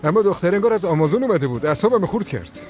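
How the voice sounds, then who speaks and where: A cool self-assured young man, slightly high voice, faint music, dubbed drama. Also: big pitch swings, a little mellow. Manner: cool, measured and a little condescending. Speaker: actor in a TV drama dub.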